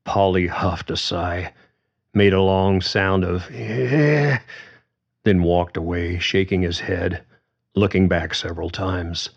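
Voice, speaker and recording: A man narrating fiction in a measured, unhurried way. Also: sits low, level tone. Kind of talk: fiction reading. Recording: slightly dull, muffled audio.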